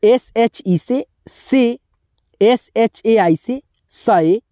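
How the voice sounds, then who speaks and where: A woman teaches spelling, walking through syllables letter by letter at an unhurried pace. Her voice is mellow and low in brightness, and between the drills she stops to explain. The recording is dry, with no room sound around her. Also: dry recording. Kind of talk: slow spelling lesson.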